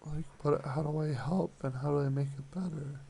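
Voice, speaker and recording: Rambling flustered prank caller, gravelly. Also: male voice, fairly high pitch, steady tone, moderate pace, warm tone, a little hiss or hum. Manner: rambling, flustered, apologetic, mumbling. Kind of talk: prank phone call.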